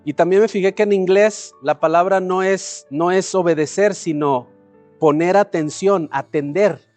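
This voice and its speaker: A man with a high, light voice preaches a sermon. He explains scripture and throws questions out to the congregation, then answers them himself. Soft music plays faintly behind him. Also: measured pace, no room sound. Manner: calls congregation to repeat phrases.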